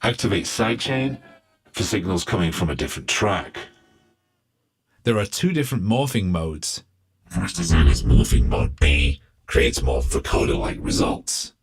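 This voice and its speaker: A man's voice: low-pitched, big pitch swings, moderate pace, breathy edge, voice pushed down, heavily acted. A man whose voice is formant-shifted and vocoder-processed so it sounds artificial and robot-like, reading a scripted rundown of features.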